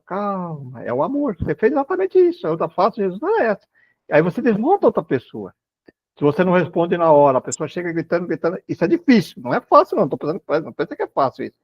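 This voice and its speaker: A Brazilian man leads the group in a quick, lively voice that swings up and down as he hammers home his point. His voice is a bit husky, and the recording sounds dull and lo-fi. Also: on the high side, no room sound. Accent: Brazilian Portuguese. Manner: animated, emphatic, repeating key phrases. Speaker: study group leader. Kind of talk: casual group discussion.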